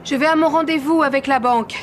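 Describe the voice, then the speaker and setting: An actress playing a brisk, determined woman on a mission in a French-dubbed action series. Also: sits high, fairly even intonation, a little hiss or hum, lightly acted. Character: brisk, determined woman carrying vital data for her country. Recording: loud music over the voice.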